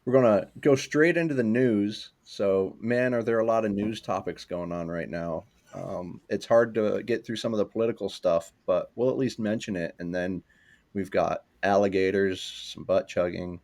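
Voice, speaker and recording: A young man hosts a casual podcast chat with a slightly low voice. He rambles from topic to topic with frequent ums, restarts and laughs. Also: normal speed, a little mellow. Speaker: podcast host.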